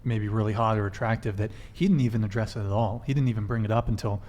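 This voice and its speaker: A man hosting a livestream dating talk show, playful and animated, often restarting his questions. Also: lowish voice, fast. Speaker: host.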